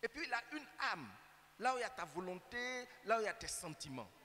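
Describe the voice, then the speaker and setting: A man's voice: high voice, sing-song, quick pace, pushed and bright. A man with an Ivorian French accent preaching a sermon as pastor, emphatic and full of rhetorical questions to the congregation. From Côte d'Ivoire. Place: church sanctuary. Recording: church hall reverb with faint hum.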